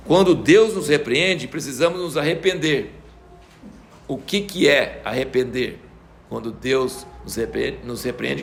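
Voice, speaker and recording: An older man teaches a Bible lesson. He tells stories in an animated way and acts out the voices of the people he quotes. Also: mid-range voice, vocal fry, a little hiss or hum. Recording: roomy echo.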